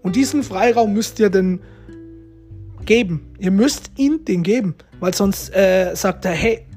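Over soft background music, a man with a high-pitched, darkish voice speaks unhurriedly. He's giving his viewers easygoing relationship tips, chatting, going over the same points, and tacking "ja?" and "ne?" onto his lines.

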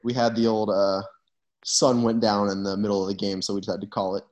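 Man, young adult, low voice, laid-back, casual storytelling. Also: flat delivery, brisk, a little mellow. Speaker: college baseball player, podcast host. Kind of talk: casual chat.

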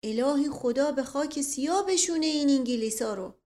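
A woman voicing a rustic old male servant in a storybook who talks loudly in a folksy, rambling way. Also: high voice, pitched above the performer's own voice, lightly acted. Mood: agitated.

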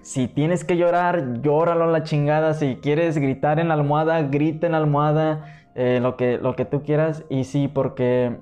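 Mexican dude, casual and blunt, lots of slang, kinda higher voice. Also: male voice, fairly even intonation, normal speed, a little mellow, highs cut off, soft background music. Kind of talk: casual conversation.

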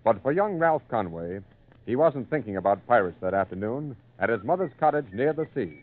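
A man's voice: mid-range voice, lively intonation, brisk, close to an everyday voice. A man narrating a seafaring adventure in a dramatic, scripted old-time radio style. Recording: tinny, narrow-band old radio recording.

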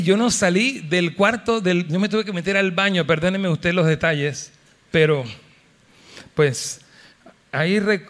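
High-voiced man preaching with passion. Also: fairly bright tone. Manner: impassioned, calls out to the congregation; acts out voices of the people in the story. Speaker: pastor. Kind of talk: sermon. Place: church service.

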